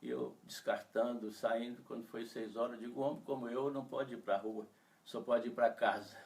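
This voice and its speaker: A man's voice: mid-range voice, fairly even intonation, moderate pace, vocal fry. A man, a pastor from Brazil, telling an emotional testimony in a sermon and voicing the people he quotes. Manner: emotional storytelling, voices quoted speech. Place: church. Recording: voice from far off the mic.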